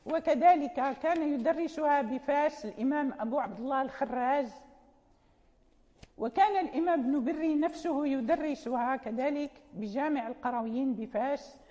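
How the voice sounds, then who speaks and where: A woman's voice: sits high, darkish tone. A woman teaching Quran recitation in a lecture, speaking Arabic with a Moroccan accent, explaining patiently with fillers and self-corrections. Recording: muffled sound with long hall reverb.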